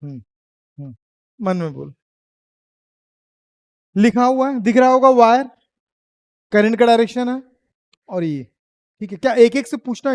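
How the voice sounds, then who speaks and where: Male physics teacher, high voice, playful, prods students to answer. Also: a little mellow, no echo, studio quality. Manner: teasing, quizzing students, laughs often. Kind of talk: classroom lecture. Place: classroom.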